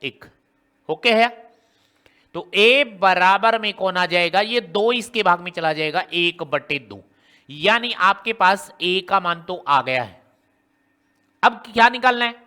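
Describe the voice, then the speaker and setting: A man's voice: high voice, expressive, takes it slowly, bright, forceful tone, clear, resonant tone. A man teaching a maths lesson, working through a problem step by step and asking his students question after question. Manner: explains step by step, often quizzing students with rhetorical questions.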